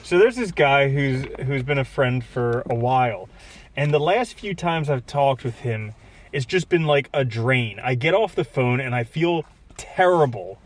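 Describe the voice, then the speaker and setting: A man co-hosting a podcast, telling animated stories and cracking jokes. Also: medium pitch, measured pace. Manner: storytelling, joking, animated. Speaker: podcast co-host. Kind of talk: casual chat.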